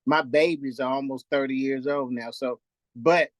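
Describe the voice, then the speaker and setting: A man in his fifties joins a faith-based Q&A discussion and talks in halting phrases with many restarts and fillers. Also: medium pitch, fairly even intonation, no room sound. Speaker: participant on a call-in Q&A.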